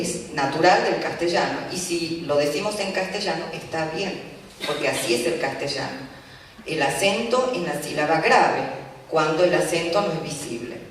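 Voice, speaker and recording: A Japanese language teacher, explaining at a community event and pausing often with filler sounds. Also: mid-range voice. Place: large event hall. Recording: echoey hall from far off, faint noise.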